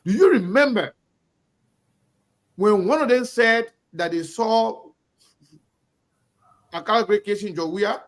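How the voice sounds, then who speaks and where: A middle-aged Liberian talk-show host speaks slowly in a high-sitting voice, leaving long pauses. His impassioned online monologue, in Liberian English, is emphatic and repetitive, with the cadence of a preacher.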